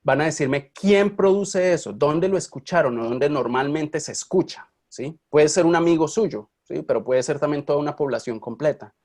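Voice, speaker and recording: A man's fairly high-pitched, slightly mellow voice moves at a moderate pace with few pauses. He teaches Spanish linguistics at a university in an online class, keeping things casual and chatty while often asking his students questions to check in.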